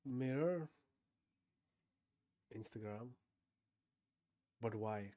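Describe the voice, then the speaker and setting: Slow, mellow-voiced man streaming a game. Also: medium pitch, dry recording. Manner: thinks aloud, swears often, bursts of disbelief. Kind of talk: casual game commentary.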